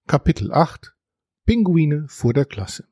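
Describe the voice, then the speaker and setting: A man in his sixties from the Netherlands with a Dutch accent, reading his own children's story aloud in German in a calm, wry first-person way. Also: on the high side, slow, husky, no echo, clean studio sound. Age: 60s. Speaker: author and narrator.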